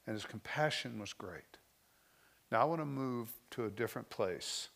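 A man preaching a sermon, moving between slow, emotional lines with soft drops and loose, conversational asides. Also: mid-range voice, expressive, vocal fry. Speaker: pastor.

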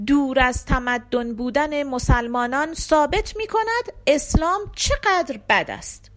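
A woman's voice: high-pitched, animated, fairly bright tone, pitched above the performer's own voice. A woman voicing an indignant male pandit in an audiobook, lecturing and heated. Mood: scornful.

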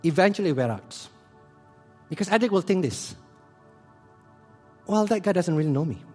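A man preaching a sermon who swings between hushed and loud delivery. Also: sits high, expressive, moderate pace, breathy edge, soft background music. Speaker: pastor.

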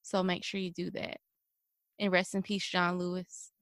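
Co-host: bright, chatty woman, dry close mic. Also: on the low side, flat delivery, normal speed, no room sound. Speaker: podcast co-host. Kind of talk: casual group chat.

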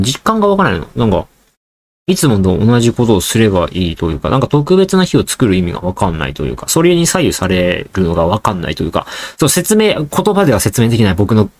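Male solo podcaster, casual and rambling, addresses listeners directly, quick delivery. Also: lowish voice. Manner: rambling, joking, talks straight to listeners. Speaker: podcast host.

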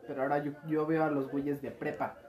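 A man's voice: a little high, flat delivery, fast, darkish tone. A young man in his late teens with a Mexican accent, chatting casually and joking in slang. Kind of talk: casual chat.

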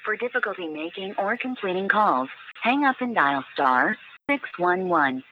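Female recorded phone announcement on speakerphone. Measured, scripted delivery. Muffled, lo-fi playback. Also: mid-range voice, a little hiss or hum. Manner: even, measured instructions. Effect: heard through a phone speaker.

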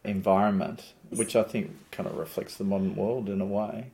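An Australian man from Newcastle hosting a conversational podcast interview, friendly and a little halting, often repeating words. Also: lowish voice, flat delivery, gravelly, warm tone. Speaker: podcast host, politician.

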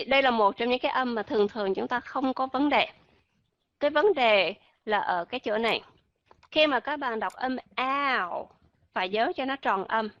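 A woman's voice: a little high, a bit bright, no echo, lo-fi sound. Woman teaching pronunciation. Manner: explains patiently, repeats and drags out example sounds. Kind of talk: online pronunciation lesson.

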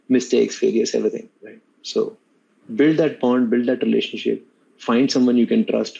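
A man's voice: mid-range voice, creaky, dark tone, lo-fi sound. A middle-aged man with an Indian accent giving earnest, unscripted advice as an interview guest, often repeating words for emphasis. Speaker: podcast guest, mentor to students.

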